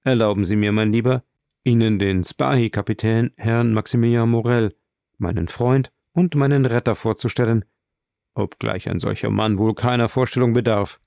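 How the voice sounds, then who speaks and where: A man's voice: fairly low pitch, steady tone, moderate pace, vocal fry, a little mellow, dry recording, clean studio sound. A man voicing an emphatic nobleman of about thirty in a read-aloud novel. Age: 30s. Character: elegant noble around thirty, emphatic, effusive.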